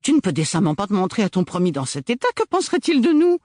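A man's voice: high voice, huge pitch swings, fast, darkish tone, no room sound, studio quality, pitched above the performer's own voice, heavily acted. A man voicing an effusive, coquettish young woman, the theatrical elder sister, in an audiobook. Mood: gushing, bossy. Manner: theatrical, gushing and bossy.

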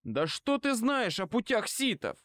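A proud, fierce young male dark-side student bursts out in indignant anger, as a man reads him in an audiobook. The voice sits in an ordinary male middle register and stays close and dry, with no room around it. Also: medium pitch, moderate pace, clear, resonant tone, dry recording, close to an everyday voice. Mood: angry, shouting. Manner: heated, indignant outbursts.

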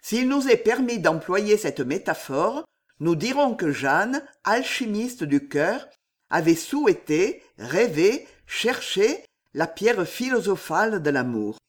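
A narrator reading a historical novel aloud in measured, expressive phrasing. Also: mid-range voice. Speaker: audiobook narrator. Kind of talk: literary audiobook narration.

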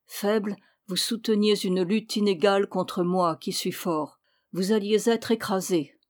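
A woman reading the lines of a stern old male nobleman in an audiobook, slow and solemn. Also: mid-range voice, steady tone, a little mellow, lightly acted.

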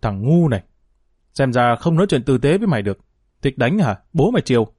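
A man's voice: mid-range voice, brisk, a little mellow, no room sound, studio quality, natural voice. A man voicing a harsh, scornful young fighter in a storybook reading. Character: tough young male fighter, contemptuous and cruel.

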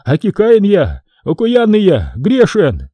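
A man voicing a cowardly captive priest who sobs, whines and pleads in a high, strained voice. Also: sing-song, normal speed, warm tone, no echo, exaggerated voice. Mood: pleading. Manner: whining, sobbing, high-pitched pleading. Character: wailing cowardly captive male priest, a poisoner. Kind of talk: audiobook character voice.

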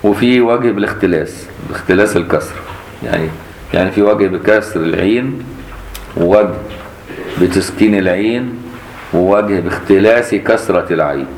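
Deep-voiced Egyptian sheikh teaching recitation. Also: male voice, darkish tone. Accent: Egyptian Arabic. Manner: demonstrates recitations, quizzes students. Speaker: sheikh teaching Quran readings. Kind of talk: lecture on Quran recitation variants. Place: mosque. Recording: echoey mosque with faint noise.

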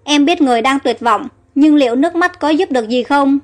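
A woman's voice: high-pitched, a little fast, faint music behind, close to an everyday voice. A woman voicing a timid, loyal young maidservant with an anxious, devoted manner in a storybook reading.

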